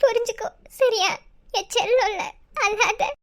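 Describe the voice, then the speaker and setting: Woman voicing a very high-pitched, affectionate cartoon wife, soothing and forgiving. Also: unhurried. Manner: soothing, coaxing tone. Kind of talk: cartoon voice acting.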